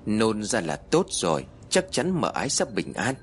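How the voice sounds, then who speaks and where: A man's voice: fairly low pitch, huge pitch swings, normal speed, soft background music. A man voicing a stern, arrogant old male exorcist who scolds and gives orders in a storybook tale. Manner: commanding, scolding.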